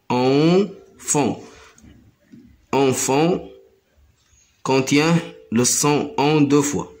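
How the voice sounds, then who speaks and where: A man with a Moroccan accent teaching young pupils, slowly stretching out and repeating words. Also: medium pitch. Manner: slowly drawn-out repetition of words. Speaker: primary school teacher.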